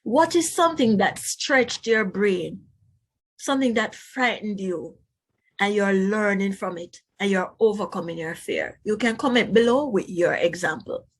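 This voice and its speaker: A woman teacher with a husky, mid-range voice reads a children's book aloud, pausing to explain things and ask the young listeners questions.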